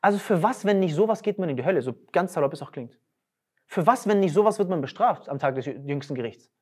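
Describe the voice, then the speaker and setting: A woman's voice: on the low side, lively intonation, quick pace, a little mellow, slightly rough. A woman giving a religious lecture, emphatic and firing off rhetorical questions.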